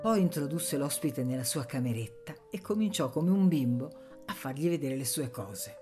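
Low-pitched female narrator, measured audiobook reading. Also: animated, music in the background. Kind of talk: scripted narration.

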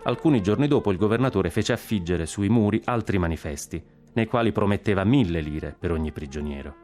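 A man narrating a literary story in a measured, expressive reading. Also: low voice, music in the background.

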